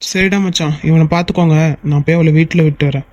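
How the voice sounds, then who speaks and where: A man's voice: on the high side, steady tone, quick pace, a little mellow, no room sound, highs cut off, lightly acted. A man voicing a caring young friend in a cartoon, pleading and reasoning. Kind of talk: Tamil cartoon voice acting.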